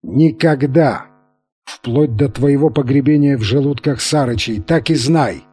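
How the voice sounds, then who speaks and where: Guy doing a nasty angry boss threatening someone, husky and low, curt. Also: measured pace, mellow, soft background music. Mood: menacing. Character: menacing, furious male boss threatening an old man.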